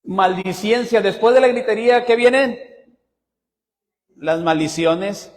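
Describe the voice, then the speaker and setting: A male pastor preaching a sermon, building emphasis with frequent asides to his congregation and bits of teasing humor. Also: a little slow. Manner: lively pitch swings, teasing humor. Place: church sanctuary. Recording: long church reverb.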